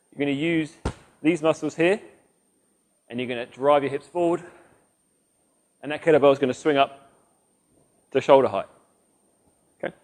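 A man in his thirties, a fitness coach talking through exercises as he demonstrates them in a large indoor gym, on a lapel mic. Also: on the high side. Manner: instructive, demonstrates moves while talking. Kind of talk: workout demonstration.

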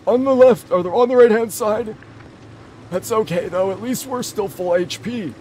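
Putting on a strained, high voice, a man plays an excitable old tank gamer during live-stream gameplay commentary, coaching viewers and exclaiming loudly. The performance is lightly acted and delivered at a moderate pace. There is slight background noise.

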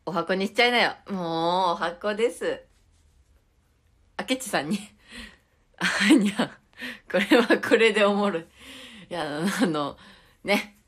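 A woman's voice: mid-range voice, measured pace, long pauses. A young woman with a Tokushima dialect, chatting casually on a live stream and reading viewer comments aloud with frequent giggles. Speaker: idol livestreamer.

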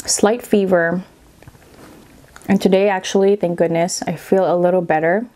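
Still slightly stuffy from a cold she's getting over, a woman eats on camera for her mukbang channel, talking casually between mouthfuls and murmuring over the food. She speaks at a normal pace in a fairly low, steady, mellow voice.

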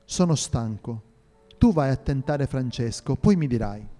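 A man's voice: mid-range voice, expressive, unhurried, dark tone, natural voice. Man voicing a stately medieval emperor. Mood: weary. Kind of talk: audio drama reading. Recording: reverberant hall with faint music.

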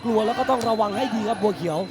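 A man giving excited Muay Thai boxing commentary, breaking into exclamations as he follows the strikes. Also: sits high, very fast. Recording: music behind the commentary.

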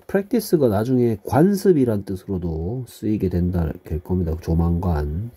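In a low, mellow, husky voice, a man gives middle school students an English vocabulary lesson. He patiently explains each word and repeats it along with its meaning.

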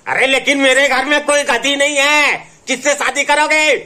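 A man's voice: very high voice, level tone, moderate pace, pushed and bright, exaggerated voice. A man with a Bundeli accent playing a cheeky son who talks back and trades insults in a comedy sketch. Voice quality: cheeky, argumentative back-talk. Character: cheeky mouthy young son.

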